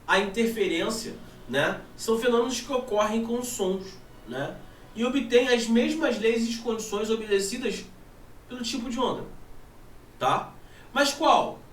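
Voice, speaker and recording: Brazilian male teacher, high voice, animated, echoey room far from mic. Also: measured pace, slight background noise. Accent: Brazilian Portuguese. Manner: animated, asks and answers his own questions. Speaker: physics teacher. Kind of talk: classroom lesson. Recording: echoey room from a distant mic, faint ambience.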